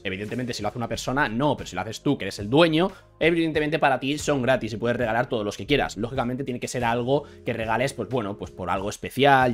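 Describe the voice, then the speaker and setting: Fast lively Spanish man explaining software. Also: mid-range voice. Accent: Spain Spanish. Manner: explanatory, constantly checking in with listeners. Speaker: streamer giving a tutorial. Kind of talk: screen-share software tutorial. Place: small indoor streaming room. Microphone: boom mic on arm in front of him.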